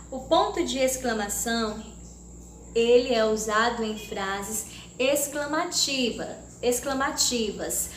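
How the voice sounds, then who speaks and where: A woman from Brazil teaching a grammar lesson to young children, speaking slowly and deliberately and exaggerating her intonation when she reads example sentences. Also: fairly high pitch, a bit bright. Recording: echoey room with faint background noise.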